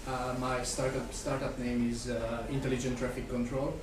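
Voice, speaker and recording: An eighteen-year-old man from Hungary asks his question hesitantly, with many fillers, in a flat and even voice. He is far from the mic in an echoey hall, with noise clearly audible behind him. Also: mid-range voice, normal speed. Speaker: student startup founder asking a question. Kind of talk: spontaneous question at a live panel.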